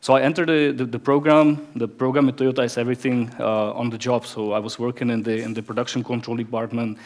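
A man in his thirties speaks English with a Czech accent into a headset mic on a conference stage. His delivery is fairly flat in pitch and halting, with frequent repeated words and restarts as he tells his story. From Czech Republic. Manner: hesitant, many word repeats and restarts. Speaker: conference speaker, production director. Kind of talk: conference talk without slides. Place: bright stage of a conference hall. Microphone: headset microphone.

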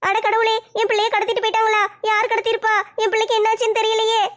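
A woman's voice: very high voice, completely flat delivery, fast. A woman voicing a tearful, frantic village mother pleading for help in a cartoon.

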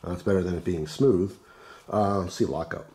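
A man with a hoarse, congested voice from the flu, casually reviewing gear in a laid-back, chatty way. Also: deep voice, moderate pace, mellow. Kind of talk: casual unscripted product commentary. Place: indoors at a wooden table.

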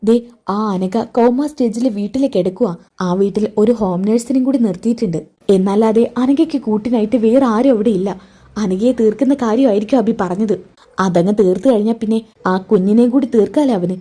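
A woman's voice: mid-range voice, brisk, warm tone, breathy edge, lightly acted. A woman voicing a worried, protective young woman who questions urgently.

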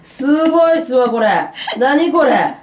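A woman's voice: high-pitched, measured pace, a little mellow, reverberant. A woman massage client crying out and groaning in pain, half laughing, in casual reactions. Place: small indoor treatment room, lying down. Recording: noisy home camcorder audio.

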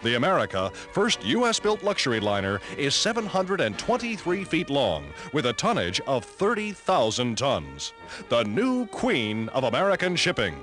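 A man's voice: medium pitch, huge pitch swings, normal speed, a bit bright. A man narrating an old 1930s newsreel in a dramatic, emphatic announcer style. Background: music score.

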